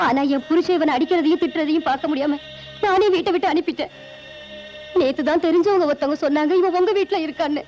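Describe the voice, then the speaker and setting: A woman's voice: high voice, quick pace, a little mellow, close to an everyday voice. An actress dubbing a film role as a poor, tender mother who pleads and protects her son. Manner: pleading and emotional. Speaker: poor mother raising a boy. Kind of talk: dubbed film drama. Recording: dull film audio under music.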